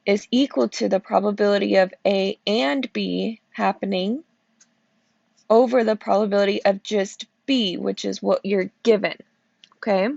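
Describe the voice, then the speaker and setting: A woman's voice: medium pitch, steady tone, a little slow, creaky, darkish tone, no room sound, dull audio. A woman teacher walking through probability problems step by step, sleepy and checking in with "okay?" as she goes. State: sleepy, yawning. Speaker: math teacher. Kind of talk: recorded classroom lesson walkthrough.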